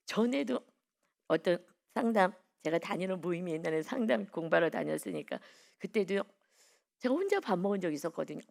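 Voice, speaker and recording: A woman's voice: on the low side, big pitch swings, a little fast, vocal fry, a little mellow. A woman pastor giving an early-morning devotional sermon in a conversational way, telling personal stories and putting questions to the congregation.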